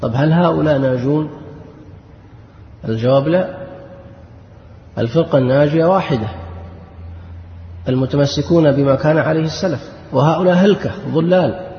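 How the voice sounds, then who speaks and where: A man's voice: mid-range voice, vocal fry, a little hiss or hum. A man giving a religious lesson as an Islamic lecturer, speaking fervently and rising to emphatic outbursts. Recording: dull lo-fi recording in an echoey hall.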